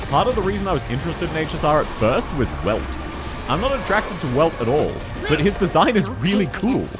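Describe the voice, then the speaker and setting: A man with a fairly high voice streams a video game over clear background music. His pitch swings around in an animated way as he chats casually and gigglily with viewers. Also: brisk. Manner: chatty, giggly, answers viewers as they come. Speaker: livestreamer playing a game. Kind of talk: casual livestream chat while gaming.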